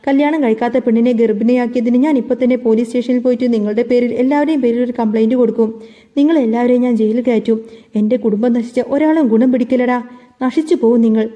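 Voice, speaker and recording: A woman voicing a furious middle-aged mother who shouts and scorns over the phone. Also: on the high side, fairly even intonation, fast, lo-fi sound, close to an everyday voice.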